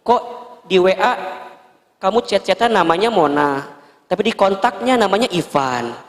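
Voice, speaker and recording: A man's voice: sits high, lively intonation, normal speed. A preacher voicing an upset wife, questioning her husband in a reproachful way. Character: upset wife confronting husband, middle-aged woman. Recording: long hall reverb.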